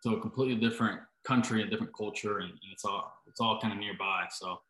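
A man's voice: fairly low pitch, steady tone, quick pace, fairly bright tone. A man from Costa Rica, a startup founder, answering interview questions hesitantly, with many fillers. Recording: roomy, echoey sound.

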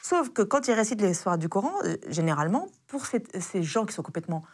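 Brief: young woman guest, casual and slangy, mid-pitched, full of fillers. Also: fast, husky. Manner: lively, slangy retelling with many fillers. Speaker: guest, former intelligence officer. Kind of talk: casual spoken storytelling.

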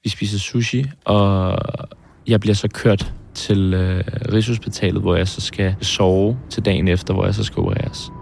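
Low gravelly man recalling hard times. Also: little pitch movement, darkish tone, slight background noise. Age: 20s. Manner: hesitant, pauses and restarts, searching for words. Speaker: film director interviewed about his heart surgery. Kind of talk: reflective interview.

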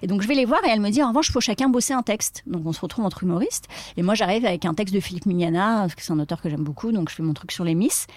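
A woman's voice: lowish voice, racing, few pauses, a little mellow, no room sound. Chatty French woman, dry close sound. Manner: chatty, laughs often, acts out quoted lines. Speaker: actress and comedian guest. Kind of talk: casual interview conversation.

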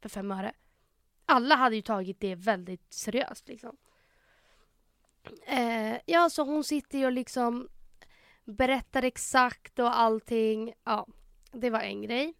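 A woman's voice: fairly high pitch, vocal fry, long pauses, a bit bright, clean tone, no room sound, studio quality. A young Swedish-speaking woman co-hosting a podcast, telling a story animatedly in casual chat and acting out the quotes. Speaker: podcast co-host.

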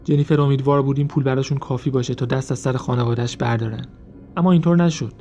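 Mellow-voiced man narrating true crime. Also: mid-range voice, steady tone, muffled recording, soft background music. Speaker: podcast narrator.

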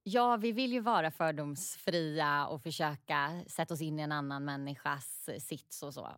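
A woman's voice: sits low, fairly bright tone, no room sound, clean studio sound. A woman interviewer asking probing, encouraging questions.

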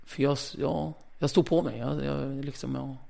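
A former radio host tells a story in a casual interview, blunt and lively, swearing freely and acting out the conversations. He has a gravelly, mid-range voice.

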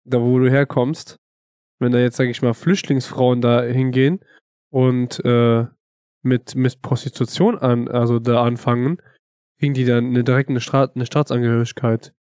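A man's voice: medium pitch, flat delivery, moderate pace, a little mellow, smooth, dry recording, studio quality. A man in casual podcast chat, using slang and asking the others questions. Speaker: podcast co-host.

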